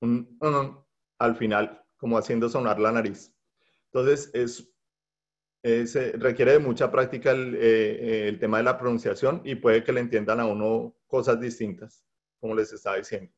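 A man's voice: medium pitch, steady tone, normal speed. A man teaching an online workshop, speaking patiently with many hesitations and fillers. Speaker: language teacher. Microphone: computer mic on a video call. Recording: dull lo-fi online call audio.

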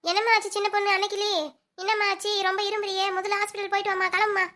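A very high, bright, quick voice belongs to a fussy village mother-in-law, played by a woman. She nags and dotes in the same breath, in a homemade comedy skit. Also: completely flat delivery. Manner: scolding, then fussing over her daughter-in-law.

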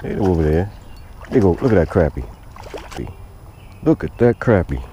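A man with a low, mellow voice calls out his catches on a lakeshore, coaxing each fish in as he reels. He records on a head-mounted camera outdoors, with a faint hiss of open air behind him. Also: expressive, moderate pace, dull audio. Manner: talks to the fish while reeling. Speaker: angler filming himself. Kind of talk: excited fishing commentary. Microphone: head-mounted action camera.

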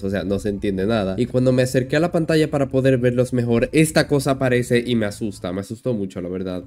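A man narrating and commenting on creepy game videos in a joking, excitable way. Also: mid-range voice. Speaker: YouTuber narrator.

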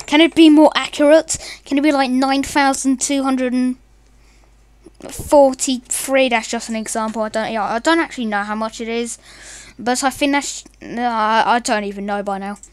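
A young woman giggling and rambling excitably through a casual meme reaction commentary. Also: sits high, normal speed, smooth, no room sound. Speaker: meme reaction video host.

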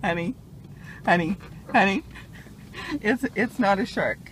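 A woman's voice: medium pitch, a little slow, a bit bright. A middle-aged woman, a mother, chatting casually and reassuringly in short, repeated simple phrases inside a car. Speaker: mother driving her son. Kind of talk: casual chat. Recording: noisy moving car, phone recording.

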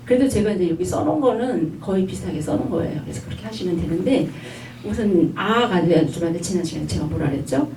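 A woman's voice: fairly low pitch, mellow, recorded from a distance. Woman teaching in an echoey room. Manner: patient, repeats instructions, models drawn-out sounds. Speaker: lecturer. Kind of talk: online lifelong-learning lecture. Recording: echoey room, voice off-mic, faint hum.

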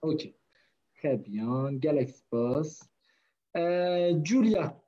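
Patient male language teacher on a video call, slow and mellow, dull lo-fi sound. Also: on the high side, expressive. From northern Kurdistan. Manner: patient, repeats words slowly for students. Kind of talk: online class. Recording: dull lo-fi online call audio.

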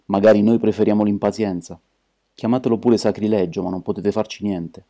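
A bitter, defiant young woman in grief, read in a man's own low voice. The tone is dark and unyielding. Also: fairly even intonation, fairly quick.

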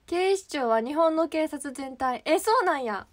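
A woman's voice: high voice, lively intonation, measured pace. A young woman with a Kansai accent chatting casually on a livestream, rambling and often searching for words. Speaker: idol livestream host.

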